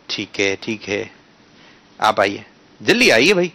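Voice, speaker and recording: Bright-voiced man hosting a kids' quiz. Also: lowish voice, very animated. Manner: coaxing, corrects pronunciation patiently; bursts into loud announcements. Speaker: quiz host for children. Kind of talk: studio quiz with children.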